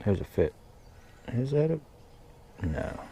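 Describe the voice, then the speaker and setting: A man's voice: mid-range voice, big pitch swings, slow, vocal fry, warm tone, husky. A man chatting casually and folksily while fishing outdoors from a boat. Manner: folksy, colloquial. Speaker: angler hosting a fishing vlog. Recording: noisy outdoor recording.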